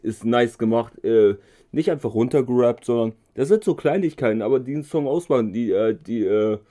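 A man's voice: mid-range voice, a little fast, warm tone. A man hosting a music reaction video, talking in a loose, slangy way with many filler sounds. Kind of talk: casual reaction commentary.

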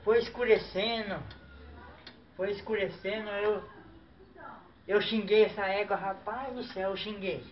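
High-voiced clown man, animated. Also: a little slow, long pauses. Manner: animated, exaggerated exclamations and sound effects. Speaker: clown storyteller. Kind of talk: comic storytelling duo routine. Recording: distant, dull mic with faint noise.

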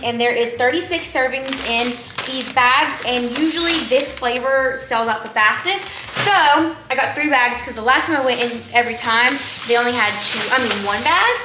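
Recorded by a counter-top camera some distance away, a young woman from Texas with a high, twangy voice rambles through a casual shopping haul vlog, filling pauses with "like" and "um." Her kitchen sounds spacious and echoey, with household noise clearly audible underneath.

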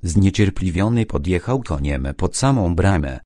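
A male audiobook narrator reads with a deep, low voice and a dark, mellow tone. His delivery is steady and measured, and the recording is dry and close with no room sound. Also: dry recording. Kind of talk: scripted narration.

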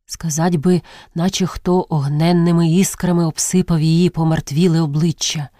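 A woman reading classic literary prose aloud as narrator, measured and expressive, with drawn-out pauses. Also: sits low, no echo, clean studio sound.

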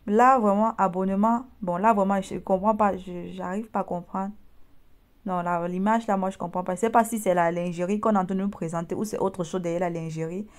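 A woman's voice: mid-range voice, fairly even intonation, fairly quick. A young woman with a mid-range voice talks the listener through a screen-recorded tutorial. Her colours a chatty, teasing delivery full of direct asides to the viewer. The voice-over has the close sound of a phone or desktop mic. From Cameroon. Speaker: online business vlogger.

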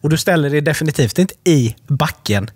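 Blunt, ranting husky-voiced man. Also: a little high, lively intonation, no echo, clean studio sound. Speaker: podcast co-host. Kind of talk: casual chat.

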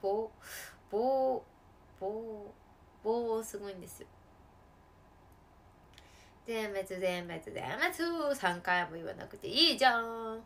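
Chatty woman streaming a game, slightly high voice. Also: a little slow, slight background noise. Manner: chatty, laughing often, with sudden loud outbursts. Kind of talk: casual live-stream chat while gaming.

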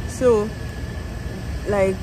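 Brief: young woman, worn out after work, lively storytelling vlog, phone mic outdoors with clear street noise. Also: medium pitch, extremely slow. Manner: tired, animated storytelling with laughs and exclamations. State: tired. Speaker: vlogger. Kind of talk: casual vlog chat. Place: outdoors in a parking lot beside a factory building. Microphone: phone at arm's length.

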